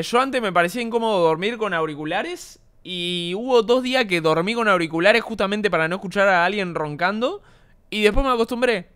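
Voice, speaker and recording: A man's voice: sits high, fairly bright tone, clear, resonant tone. A young man with an Argentine accent, chatting casually on a stream in a rambling, slangy way, swearing often. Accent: Argentine Spanish.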